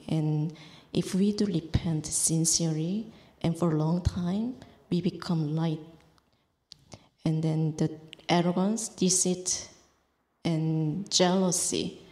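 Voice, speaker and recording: A woman interpreting a classmate's answer in a plain, measured way. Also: fairly low pitch, mellow, reverberant.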